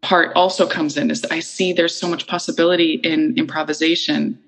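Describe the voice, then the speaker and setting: A woman's voice: deep voice, level tone, a little fast, fairly bright tone, husky, poor audio. A middle-aged woman from Iceland, an interview guest talking thoughtfully and searching for her words. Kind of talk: reflective conversational interview.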